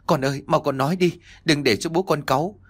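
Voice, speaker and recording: An anguished mother in an audiobook story, begging in a raised, quickened voice, as a male narrator puts her on. Her pleas come fast and lift well above the narration. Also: husky. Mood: pleading. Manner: pleading, raised pitch. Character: anguished pleading middle-aged mother.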